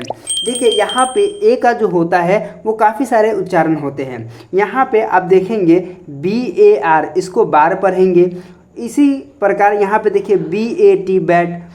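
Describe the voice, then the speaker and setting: A man's voice: sits high, darkish tone. A man teaching English pronunciation in a classroom-style lesson, spelling words out letter by letter, asking himself questions and answering them, and saying "okay" often.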